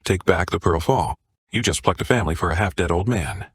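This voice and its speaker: A man narrating a comic story recap in a flat, even reading style. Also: deep voice, a little fast, husky, no echo.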